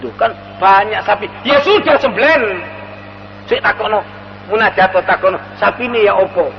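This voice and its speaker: Male preacher, high voice, long hall reverb, chants verses between storytelling. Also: gravelly, dull audio, faint music behind. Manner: animated storyteller, chants Quranic verses slowly. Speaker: Islamic preacher. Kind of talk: sermon storytelling. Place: mosque hall.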